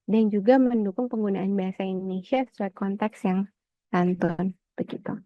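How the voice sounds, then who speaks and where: A woman presenting a webinar walkthrough of a teaching e-book, pausing often on "eh" fillers and ending her points with "begitu". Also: medium pitch, fairly even intonation, no room sound, highs cut off.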